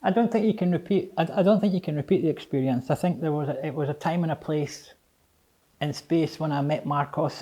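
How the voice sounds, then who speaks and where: A middle-aged man with a Scottish accent and slightly slurred, toothless articulation, speaking reflectively and haltingly in an interview, often repeating phrases. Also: on the high side, mellow. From Edinburgh, Scotland. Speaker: interviewee, English teacher.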